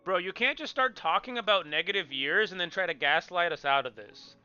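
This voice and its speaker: Man, game streamer, joking and rambling, very bright clear voice, slightly dull lo-fi sound, music behind. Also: high-pitched, brisk. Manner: joking, rambling, repeats himself. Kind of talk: casual chat with stream viewers.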